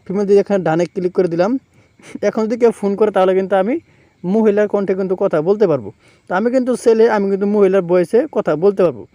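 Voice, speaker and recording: A tech tutorial host with a high-sitting, mellow voice walks through a phone app over a screen recording, explaining step by step and repeating himself, often using the filler "কিন্তু". There's no room sound, but the recording is muffled.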